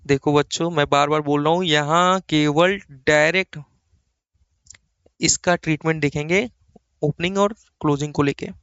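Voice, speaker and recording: A man's voice: sits high, fairly bright tone, smooth, dry recording, highs cut off. A man from India teaching accounting in a classroom-style lecture, coaxing and repeating points for his students.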